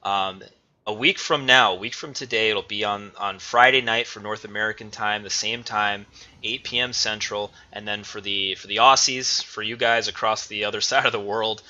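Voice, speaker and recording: Guy calling an esports match live, super sharp bright voice, gets loud on big plays. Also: lowish voice, fairly even intonation, normal speed, muffled recording. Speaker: esports caster. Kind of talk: live play-by-play commentary.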